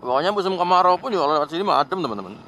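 A man's voice: a little high, racing, slight background noise. A man hosting a motorcycle vlog, chatting casually to viewers as he rides and laughing now and then. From Indonesia. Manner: relaxed, chatty, laughs often, addresses viewers as friends. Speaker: motovlog host. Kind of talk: casual riding commentary. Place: riding a motorbike outdoors on rural roads.

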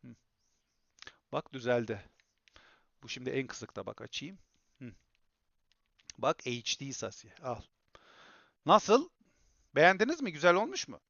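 A man chatting on a home live stream, grumbling to his viewers, then bursting into loud excited shouting. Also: mid-range voice, measured pace, gravelly, long pauses, dry recording, muffled recording. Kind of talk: casual live-stream chat. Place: home room.

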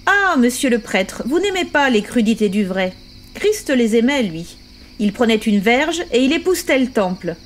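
A woman's voice: fairly high pitch, very animated, normal speed. A woman reading aloud as a fierce, bitter old revolutionary on his deathbed who speaks in impassioned accusations.

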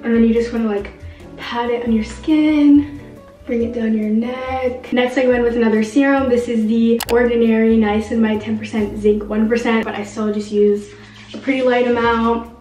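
A young woman with a groggy morning voice chats casually as she walks through her skincare, leaning on "like" as she talks. Her voice sits a little high but stays fairly flat. The camera sits back from her in an echoey bathroom, with soft music playing underneath. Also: moderate pace, recorded from a distance. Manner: chatty, filler-heavy with frequent "like". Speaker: beauty vlogger. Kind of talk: casual makeup tutorial chat. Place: small home bathroom. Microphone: camera on a shelf at a distance.

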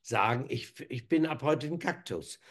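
This man in his fifties, co-hosting a funny, casual conversation, talks from a room at home through a video call webcam, wandering off on tangents, cracking jokes and frequently starting over. He has an expressive mid-range voice with a breathy edge and speaks at a normal pace.

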